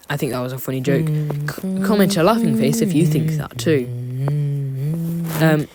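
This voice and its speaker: A woman's voice: low voice, measured pace, loud music behind the voice. A woman with a sore throat giving casual, chatty, joking commentary as she narrates her own drawing video. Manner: joking, self-deprecating asides.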